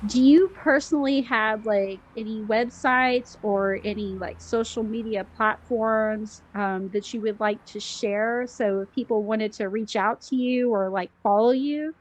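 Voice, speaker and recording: A woman's voice: a little high, unhurried, few pauses, poor audio. A woman hosting a casual interview show, asking questions in a friendly, upbeat way. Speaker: host.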